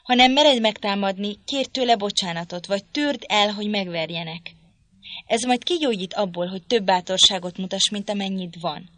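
A woman's voice: mid-range voice, a bit bright, no echo, close to an everyday voice. A woman reading a defiant, scornful young lady. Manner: cutting, disdainful.

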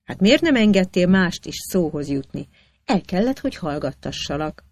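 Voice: mid-range voice, very animated, a little mellow, no echo. A reader voicing a jesting older male official in a read-aloud anecdote, with a dry, teasing tone.

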